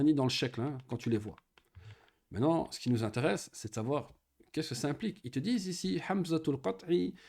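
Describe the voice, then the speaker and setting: The teacher here has a mellow voice on the high side. He guides a single student through Arabic grammar patiently and in steps, saying words slowly and regularly checking understanding.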